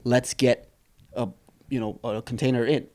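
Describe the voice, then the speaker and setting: A young entrepreneur from Saipan shares his story at normal speed and medium pitch during a relaxed interview. The delivery is loose and meandering, packed with fillers and restarts.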